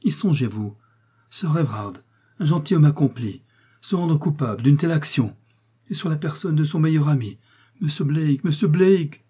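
A man's voice: mid-range voice, normal speed, dark tone, husky, close to an everyday voice. A man voicing a nervous aging woman servant who trembles and sobs as she pleads. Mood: agitated. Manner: trembling, sobbing pleas.

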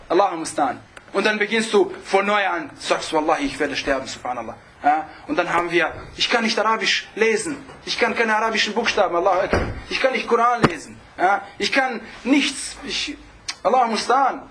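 A man giving an informal religious talk, sprinkling in Arabic phrases, often checking in with a quick question and chuckling as he explains. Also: high-pitched, bright, forceful tone. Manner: peppers speech with Arabic phrases and asks "ja?" often; chuckles while explaining, restarts words. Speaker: religious lecturer.

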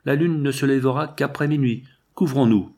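A man's voice: medium pitch, moderate pace, a little mellow, voice pushed up, close to an everyday voice. A man reading the lines of an aged male scientist, grave and solemn in his delivery.

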